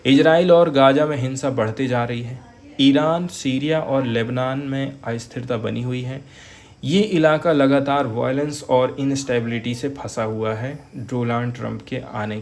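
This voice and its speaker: A man giving an editorial analysis lecture for exam students, explaining each term with examples and addressing viewers as friends. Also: mid-range voice. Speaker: exam coaching teacher.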